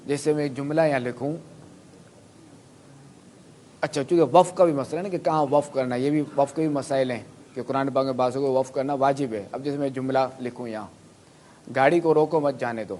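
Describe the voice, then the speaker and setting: A man's voice: medium pitch, steady tone, dark tone, a little hiss or hum. Man preaching a sermon with examples. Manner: explains Quran pronunciation with spoken examples, asks listeners to raise hands. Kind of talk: sermon to a live audience.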